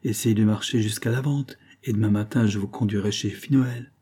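Rustic young charcoal burner guy from an old storybook, brisk and reassuring, low husky voice, mellow tone, read out by a man. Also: fairly even intonation. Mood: kindly. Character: hearty young male charcoal burner, kindly.

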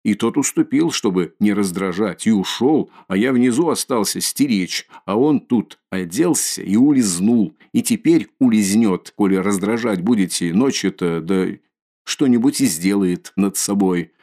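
A man voicing a tipsy, loud young man who blusters and confides in a rush. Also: fairly low pitch, unhurried. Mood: urgent half-whisper.

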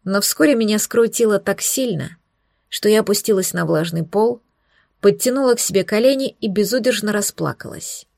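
A woman reading a first-person romance novel aloud, intimate and emotional, with measured phrasing. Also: mid-range voice, gravelly, darkish tone, dry recording, studio quality. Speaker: audiobook narrator.

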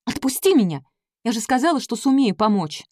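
A woman's voice: mid-range voice, lively intonation, fairly quick, a little mellow, dry recording, studio quality, natural voice. A woman voicing a headstrong, impulsive young woman in an audiobook, with a raised, defiant delivery. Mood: angry.

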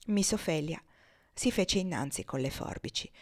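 A woman narrates a classic novel for an audiobook. Her reading is measured and expressive, and she carries the story steadily between the spoken parts. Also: sits low. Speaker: audiobook reader.

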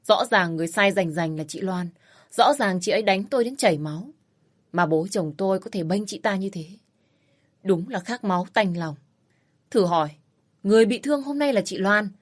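Woman, first-person story narrator, calm, subdued, storytelling. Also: mid-range voice, moderate pace.

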